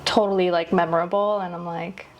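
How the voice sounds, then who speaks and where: A woman's voice: fairly low pitch, brisk, lo-fi sound, slight background noise. A young woman, a guest singer in casual chat, telling stories with lots of laughs and self-deprecating humour. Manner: giggly, self-deprecating, animated storytelling.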